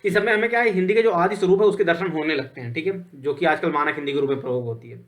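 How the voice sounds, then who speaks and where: Male lecturer, slightly high voice, chatty explainer who quizzes and answers himself. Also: racing, fairly bright tone. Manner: conversational, repeats points with "ठीक है"; poses questions then answers them. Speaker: teacher. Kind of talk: online lecture.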